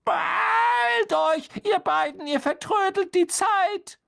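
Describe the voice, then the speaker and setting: A shrill, tearful teenage girl begs to be left behind in a very high, quavering voice. She whines and pleads at length in this audiobook scene. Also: slow pace, creaky, a bit bright, shouting, exaggerated voice. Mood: pleading. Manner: whiny and pleading. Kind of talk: audiobook reading.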